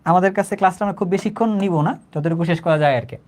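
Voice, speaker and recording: A man's voice: sits high, a little mellow. A young man with a Bangladeshi Bengali accent teaching a live chemistry class, conversational, repeating points and checking that students understand. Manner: says he talks slowly, repeats himself.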